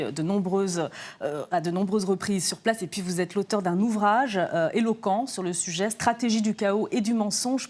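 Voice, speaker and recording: A woman hosting a studio interview, speaking in a measured way with frequent hesitations. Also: mid-range voice, a little mellow. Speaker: interviewer host.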